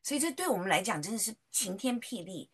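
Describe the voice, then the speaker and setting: A middle-aged woman, a grieving mother, tells a personal faith testimony in a soft, emotional way, slowing and dropping almost to a whisper at painful moments. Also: medium pitch, lively intonation, breathy edge. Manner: soft, emotional, slows and drops to near-whisper at painful points.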